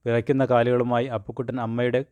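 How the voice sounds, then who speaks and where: Male storybook narrator, mid-pitched, dry close recording. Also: completely flat delivery, fast talker, a little mellow, clear, resonant tone, no echo, lo-fi sound.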